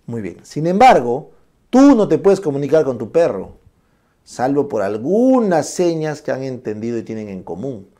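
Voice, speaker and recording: A man giving a classroom lecture, naming terms slowly, acting out examples and checking in constantly with short tag questions. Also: medium pitch, sing-song, warm tone.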